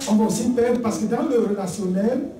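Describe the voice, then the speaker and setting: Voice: medium pitch, fairly quick, a little hiss or hum. Echoey, distant church preacher. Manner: addresses listeners as beloved, teaching in numbered points; drops soft and quiet on key words. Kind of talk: sermon. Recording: echoey room, voice heard from a distance.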